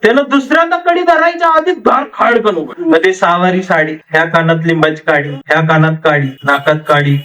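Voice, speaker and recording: A man's voice: on the high side, fairly quick, hardly any pauses, recorded from a distance, background noise. A man giving a storytelling speech to an audience, acting out the dialogue of the people in his anecdote. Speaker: public speaker.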